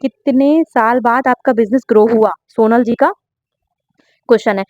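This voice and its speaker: A woman's voice: a little high, fairly even intonation, moderate pace, no echo, phone-quality sound. A young woman home baker, chatting earnestly as she answers viewers' questions in a casual vlog, often checking in with her listeners. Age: young adult.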